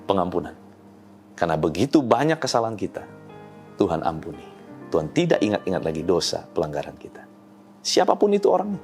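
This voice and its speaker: A man preaching a daily devotional sermon, speaking earnestly and personally to his listeners. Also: low-pitched. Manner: animated delivery with swelling emphasis. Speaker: pastor.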